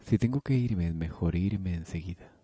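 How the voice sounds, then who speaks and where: A man voicing a melancholy teenage boy, speaking low, slow and subdued, in an amateur fan dub. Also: warm tone, breathy edge, dry recording.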